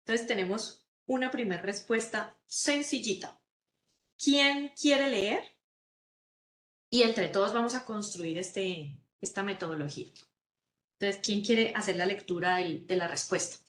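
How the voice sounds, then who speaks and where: A woman coaching students through a lecture, checking in with them often as she explains. Her voice sits at a middling pitch and carries a roomy echo. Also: measured pace. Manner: warm coaching tone, many rhetorical "¿sí?" check-ins. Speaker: career counselor teaching a workshop. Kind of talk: virtual class lecture.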